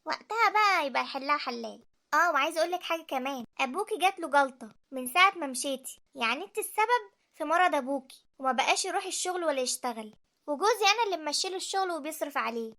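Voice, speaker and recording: A woman voicing a cold, cutting young married woman with an Egyptian accent in an animated drama. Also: high voice, rapid-fire, heavily acted. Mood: scornful.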